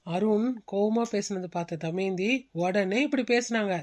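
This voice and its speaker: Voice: mid-range voice, normal speed, darkish tone. ஒரு கதை சொல்லி கார்ட்டூன் கதையை நிதானமாக விவரிக்கிறார். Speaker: narrator. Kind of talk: storytelling narration.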